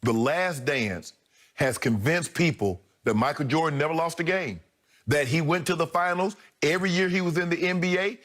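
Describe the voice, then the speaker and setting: Male debate co-host, high voice, forceful and rhetorical. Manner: emphatic, rhetorical, pushes back forcefully. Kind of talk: debate show commentary.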